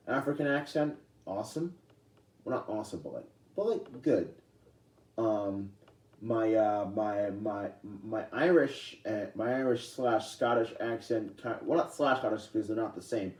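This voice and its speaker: A man's voice: fairly low pitch, mellow. Rambling young man in an echoey room. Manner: rambling, halting with many fillers and restarts. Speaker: vlogger. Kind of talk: casual talk to camera. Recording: echoey room, distant from mic.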